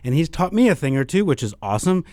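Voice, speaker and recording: A man's voice: fairly high pitch, big pitch swings, quick pace, dark tone, no echo. A man hosting a radio talk show in a studio, enthusiastically introducing his guest and asking him questions.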